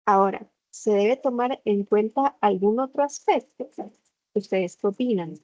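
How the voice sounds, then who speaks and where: A woman teaching a lesson over a video call, explaining slowly and putting questions to the class. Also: mid-range voice, a little mellow, dry recording. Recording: slightly dull video call audio.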